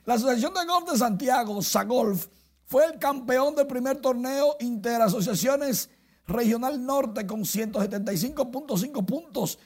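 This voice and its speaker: Casting: high, husky-voiced man, animated sports presenter. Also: unhurried. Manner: lively, excited play-by-play delivery. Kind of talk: sports news segment.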